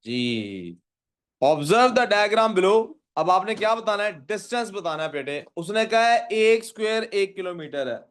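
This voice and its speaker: A man leads a physics lesson in a classroom, and his voice sits a little high for a man. He reads each question slowly in English, then explains it in Urdu. He keeps checking in with his students, asking them for the answers. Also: big pitch swings, fairly bright tone. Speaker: physics teacher. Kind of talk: classroom lecture.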